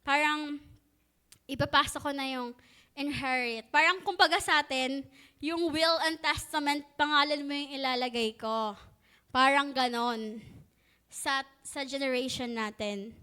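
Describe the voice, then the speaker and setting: A woman's voice: sits high, a little slow, bright, forceful tone. A woman teaching at church, retelling a Bible story in a chatty way with joking asides.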